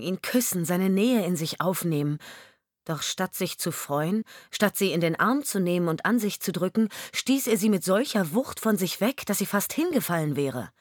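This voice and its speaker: A woman narrating an audiobook in a measured, expressive reading on a close mic. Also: fairly low pitch, dry recording. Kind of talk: scripted narration.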